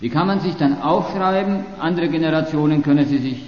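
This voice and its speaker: A man's voice: on the high side, brisk, highs cut off. Sarcastic male lecturer in echoey hall. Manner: sarcastic, argumentative, restarts phrases. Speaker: university lecturer. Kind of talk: polemical lecture.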